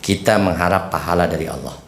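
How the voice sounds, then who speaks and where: A man giving a religious lesson to a group of women, with lively jumps in pitch for emphasis and frequent questions to the audience. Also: fast talker. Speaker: preacher. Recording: echoey room, faint ambient noise.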